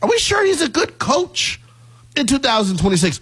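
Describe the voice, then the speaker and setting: High-pitched, animated male sports radio host. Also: normal speed, no room sound. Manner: colloquial, emphatic, repeats phrases for effect. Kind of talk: sports talk monologue and caller chat. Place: radio studio.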